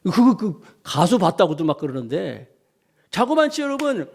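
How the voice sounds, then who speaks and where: A man's voice: sits high, moderate pace, vocal fry, husky. A middle-aged male pastor preaching a Sunday sermon, acting out cries and quotes and putting questions to his congregation. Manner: animated, acts out shouts and quotes in the preaching; addresses the congregation directly with questions. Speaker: senior pastor.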